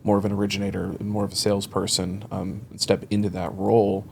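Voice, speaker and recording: Speaking quickly with vocal fry and a lowish, fairly even pitch, a mortgage loan officer in his thirties recounts his career as an interview guest. He wanders through the story, performs the quoted exchanges, and laughs frequently over slight background noise.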